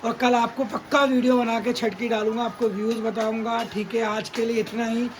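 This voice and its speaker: Filmed on a phone at his family home on a rainy day, a young man talks casually to his vlog viewers and tends to say words twice in a row. His very high voice has a flat delivery and moderate pace, and the audio is poor with loud background noise.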